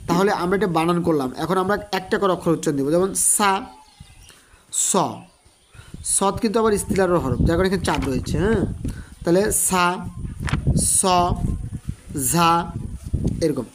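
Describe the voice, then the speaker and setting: A man giving an online Quran reading lesson, who spells out letters slowly and repeats them for his students. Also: high-pitched, noisy background. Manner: slow, repetitive spelling-out of letters; addresses students directly, encouraging.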